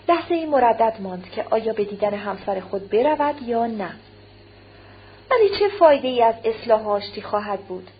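A woman narrating an audiobook of a classic novel in a measured, formal reading, in a dull recording with a faint hum. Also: a little high, husky. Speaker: audiobook reader.

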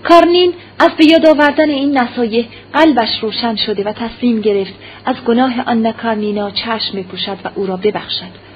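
A woman narrating a classic novel in a steady, measured way, on a muffled lo-fi recording with faint hiss. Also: on the high side. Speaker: audiobook narrator. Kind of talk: literary audiobook narration.

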